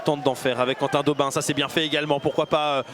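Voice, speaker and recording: High-voiced male football commentator amid noise. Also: level tone, quick pace, a crowd in the background. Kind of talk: live play-by-play football commentary. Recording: clear background noise at outdoor ground.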